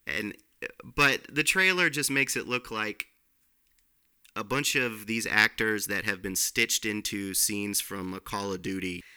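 A man co-hosts a casual film podcast, rambling with fillers and restarts. His voice is bright and crisp, and sits a bit low. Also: unhurried. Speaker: podcast co-host, film reviewer. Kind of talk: casual film review chat.

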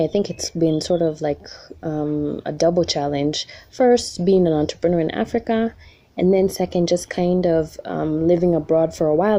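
A woman's voice: sits low, a little mellow. A woman from Kenya with an American accent, hosting a casual solo podcast in an informal, loosely structured, conversational way. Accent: American, picked up in Ohio. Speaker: podcast host and small business owner.

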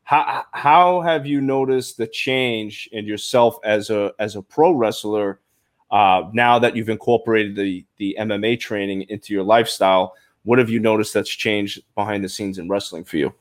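A man's voice: fairly low pitch, normal speed. A man with a thick Brooklyn accent, hosting a podcast and chatting casually in a sports interview. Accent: Brooklyn, New York. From Brooklyn, New York. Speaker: podcast host.

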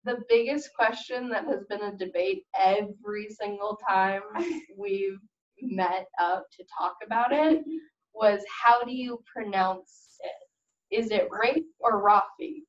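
A woman's voice: medium pitch, a little slow. A teenage girl in a student book club asking an author questions over a video call, giggling eagerly. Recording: distant muffled echoey room.

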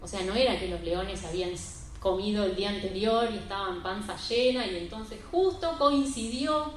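A woman's voice: medium pitch, moderate pace, slight background noise. A woman preaching a sermon and retelling a Bible story in an emphatic, conversational way. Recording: very echoey room with faint music.

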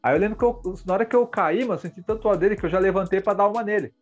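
A young Brazilian man telling amateur football stories in an animated, slangy way. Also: sits high, very fast, soft background music. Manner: animated, slangy, lots of "mano". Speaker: podcast co-host. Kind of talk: casual storytelling.

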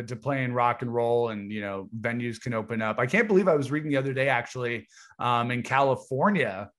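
A man speaks as a podcast co-host. His pitch is middle-of-the-road, and he chats casually about music. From Canada.

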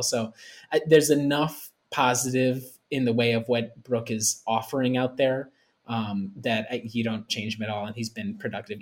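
A man with a mid-range voice talks sport casually on a podcast. He is opinionated and slangy. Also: mid-range voice. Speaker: basketball podcast panelist.

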